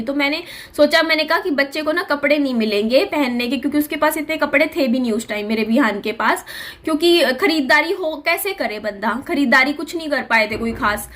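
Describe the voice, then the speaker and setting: A woman's voice: high-pitched, sharp tone. A young woman vlogger telling a personal story in an earnest, confiding way, often repeating herself.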